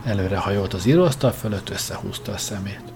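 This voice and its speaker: A man reading a story aloud in a measured narrating voice. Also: low-pitched, vocal fry, a little mellow. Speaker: audiobook reader. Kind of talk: scripted narration.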